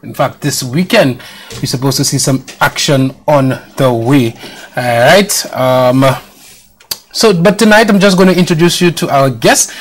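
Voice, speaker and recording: A man's voice: medium pitch, measured pace, slight background noise. A man in his thirties hosting a live sports talk show, talking loosely and rambling with many fillers. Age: 30s.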